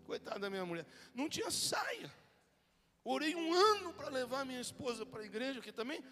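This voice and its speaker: A middle-aged man with a Brazilian Portuguese accent preaching a humorous testimony sermon. He tells the story in a lively way and acts out the people he quotes. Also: extremely high pitch, fairly quick, faint music behind.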